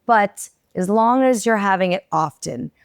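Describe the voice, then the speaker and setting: A woman's voice: medium pitch, animated, a little slow, clean tone, dry recording, studio quality. A woman co-hosting a podcast in casual chat, frank and full of questions. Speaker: podcast co-host.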